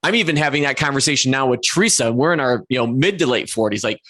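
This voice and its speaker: A podcast host in his forties, mid-pitched and expressive, talks fast with a pushed, bright tone. Conducting a conversational interview, he's earnest and keeps restarting and correcting his sentences.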